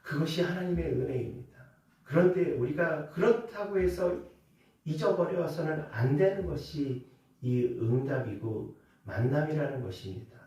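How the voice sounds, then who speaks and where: Pastor preaching in a very echoey church. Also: male voice, a little high, normal speed, darkish tone. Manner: preaching with rhetorical questions and swelling emphasis. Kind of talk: sermon. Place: church sanctuary. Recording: very echoey church hall, mic at a distance.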